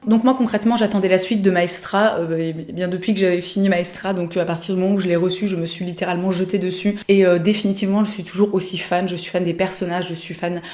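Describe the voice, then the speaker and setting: A woman's voice: lowish voice, little pitch movement, fast talker, hardly any pauses, a little mellow, reverberant. A young woman chatting casually about books and shows she recommends, with lots of hesitations and fillers. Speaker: lifestyle vlogger.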